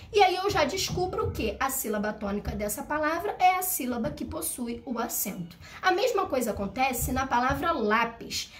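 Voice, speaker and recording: A woman teaching a primary school video lesson, her high voice swinging widely up and down. She explains patiently and step by step, checking in with her young pupils often. She sings out example words to show the stressed syllable. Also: a bit bright.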